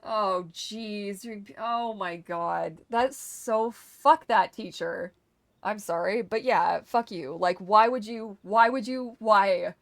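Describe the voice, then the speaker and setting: A woman's voice: medium pitch, takes it slowly, gravelly, a bit bright, no echo. Young woman streaming and chatting w chat, gets emotional, swears, laughs a lot, dry close sound. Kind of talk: casual live-stream chat.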